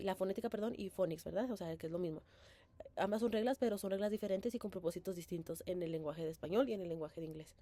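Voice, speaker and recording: A woman's voice: mid-range voice, mellow, no echo. Hesitant young woman. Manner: hesitant, many fillers and self-corrections; often tags phrases with a questioning "right?". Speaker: bilingual education student presenting. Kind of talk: class presentation recap.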